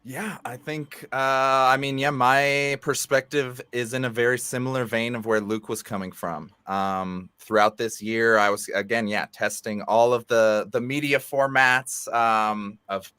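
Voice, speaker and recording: A man speaks as a guest in a casual online interview, his tone bright and forceful. He rambles in a relaxed way, full of fillers and restarts. The sound is close and dry, with no room around it, as on a video call. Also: medium pitch, a little slow, hardly any pauses, clean tone, dry recording. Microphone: remote video call.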